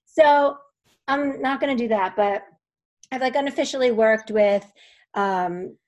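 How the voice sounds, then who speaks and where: A woman's voice: on the high side, unhurried. A middle-aged woman asking for advice on a coaching call, hesitant and unsure. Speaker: coaching client. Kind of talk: casual chat.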